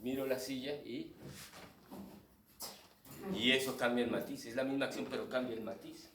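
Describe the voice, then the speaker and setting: A clown with a Mexican accent presents his book at a live event, explaining stage timing to the audience in a medium-pitched, steady voice at a moderate pace. He explains things clearly and acts out the audience's thoughts in asides. The distant mic picks up an echoey room and background noise.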